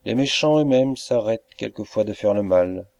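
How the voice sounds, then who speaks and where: A man narrating a classic short story as an audiobook reader, in a measured, dramatic delivery. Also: on the low side, expressive, gravelly, a little mellow.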